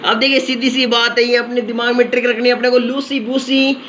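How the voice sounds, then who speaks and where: A man teaching vocabulary in an energetic exam-prep lesson, chanting memory tricks in a sing-song way. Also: very high voice, a little fast. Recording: slightly dull lo-fi sound with faint noise.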